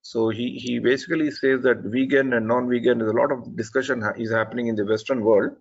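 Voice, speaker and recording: A man's voice: medium pitch, steady tone, fast, gravelly, dull audio. Man giving earnest feedback over a call. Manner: earnest, methodical critique with frequent restarts. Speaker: presentation evaluator. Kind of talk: spoken feedback on an online talk.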